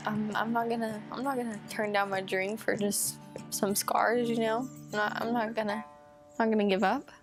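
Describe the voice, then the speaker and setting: A woman's voice: fairly high pitch, flat delivery, normal speed. A young woman speaking in a recorded interview, hesitant and often repeating herself. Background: music.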